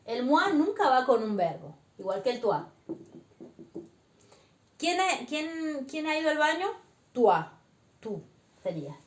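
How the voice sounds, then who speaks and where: A woman teaching beginner French, explaining slowly and patiently and often checking that her students follow. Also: sits high, sing-song, echoey room. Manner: slow, patient explaining with frequent check-ins. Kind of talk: beginner language lesson.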